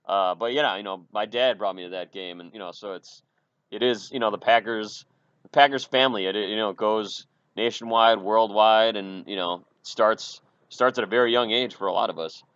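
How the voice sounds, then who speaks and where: A man co-hosting a sports podcast, talking casually in a halting way with many fillers. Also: lowish voice, a bit bright, clear, resonant tone, no echo, highs cut off. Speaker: podcast co-host.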